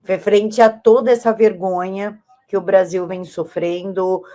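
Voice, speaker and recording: A woman's voice: medium pitch, steady tone, measured pace, mellow. A woman interviewer asking long, emphatic, opinionated questions.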